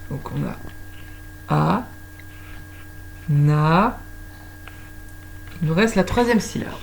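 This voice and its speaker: A woman's voice: lowish voice, big pitch swings, fast talker, gravelly, darkish tone, slight background noise. A woman teaching young children to spell by sound, patiently stretching out each syllable. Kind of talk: slow phonics lesson for young children.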